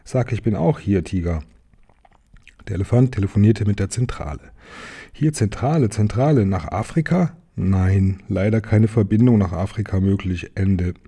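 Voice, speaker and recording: A man reading a children's story aloud in a gentle way, adding small asides to the listener. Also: low voice, normal speed, breathy edge. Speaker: reader of a children's book.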